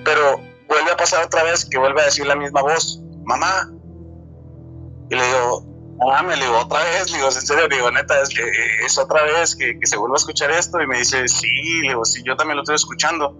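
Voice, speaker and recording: Halting young Mexican man, bright voice. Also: medium pitch, faint music behind, rough recording. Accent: Mexican Spanish. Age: 20s. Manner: halting, repeats words and restarts often. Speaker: storyteller sharing a true encounter. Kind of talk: casual spoken testimony.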